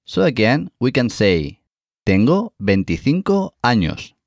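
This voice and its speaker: This man's medium-pitched voice swings hugely in pitch as he co-hosts a scripted Spanish lesson, enunciating each phrase slowly and offering the learner encouragement. The studio sound is clean and free of echo.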